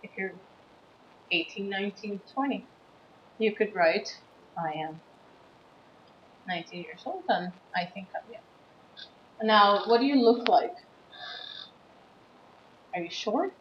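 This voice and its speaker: Woman teacher in her thirties, from the USA, patient and deliberate, recorded in a roomy space with a dull, slightly muffled sound. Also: medium pitch. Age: 30s. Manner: slow, patient explaining with stressed words. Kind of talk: classroom writing lesson. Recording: dull, roomy recording with faint background noise.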